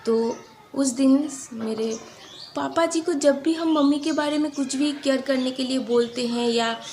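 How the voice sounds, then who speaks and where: Woman, young, chatty storytelling, a bit high voice. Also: a little mellow, slight background noise. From West Bengal, India. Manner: chatty, earnest, rambling with pauses. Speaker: vlogger. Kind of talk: casual storytelling vlog.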